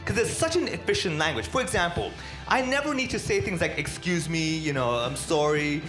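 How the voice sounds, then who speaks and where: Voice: mid-range voice, sing-song, fairly quick. A comedy emcee works the stage with a punchy stand-up delivery. The sound is roomy and live, and music runs underneath. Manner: punchy, builds to shouted introductions. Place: comedy stage in a food court venue.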